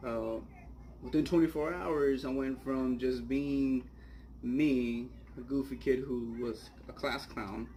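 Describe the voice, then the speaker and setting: Over guitar music and a bit of hiss or hum, a man from Bangladesh in his late twenties gives his faith testimony in a blunt, candid, rambling way full of fillers. His voice is mid-range, dark and fairly even in intonation, and he speaks slowly.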